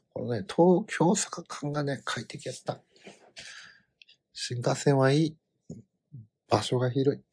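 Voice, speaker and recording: A middle-aged man with a Kansai accent, telling a family travel story in casual chat, animated and given to loud outbursts. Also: lowish voice, husky.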